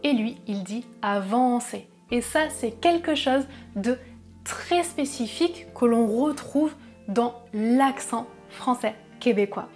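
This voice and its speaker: Slow-spoken French woman teaching. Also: fairly high pitch, darkish tone, soft background music. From France. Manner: slow, careful, explanatory. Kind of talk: pronunciation lesson.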